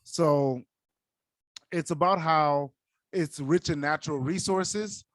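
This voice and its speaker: Speaking slowly in a slightly high voice with no echo, a young Yoruba-speaking man co-hosts a podcast. His talk is casual and earnest, with "like" used again and again as a filler.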